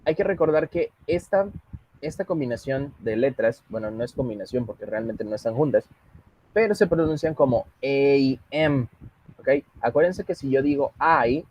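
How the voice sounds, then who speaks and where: Husky-voiced teacher explaining patiently. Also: male voice, mid-range voice, a little mellow, poor audio. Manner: patient, explains step by step and mixes Spanish with English. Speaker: English teacher. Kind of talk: online English class.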